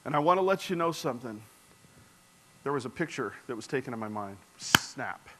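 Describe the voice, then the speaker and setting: A man in his forties telling a personal story as a sermon, earnest, speaking straight to the audience and dropping to a soft hush at tender moments. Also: medium pitch, expressive, fast, heavy background noise. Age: 40s. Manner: engages the audience directly. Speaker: speaker addressing a congregation.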